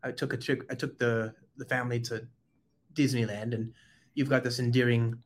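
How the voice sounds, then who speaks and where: Male host, excitable, stumbling, casual chat. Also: medium pitch, normal speed. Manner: excitable, stumbling restarts and laughs. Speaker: podcast host.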